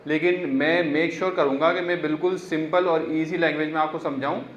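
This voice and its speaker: Man teaching English slowly. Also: fairly high pitch, fairly even intonation, roomy sound, lo-fi sound, slight background noise. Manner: slow, careful example sentences for learners. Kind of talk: online spoken-English lesson.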